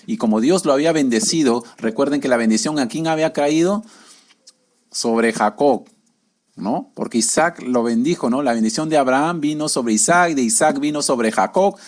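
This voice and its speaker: A man's voice: medium pitch, moderate pace. A man preaching a conversational sermon, often tagging his lines with questions to the listeners.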